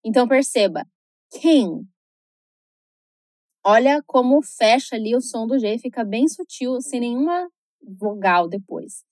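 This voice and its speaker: High-voiced Brazilian woman teaching pronunciation. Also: animated, no room sound, clean studio sound. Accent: Brazilian Portuguese. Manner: chatty, tag questions, slow careful model words. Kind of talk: scripted video lesson.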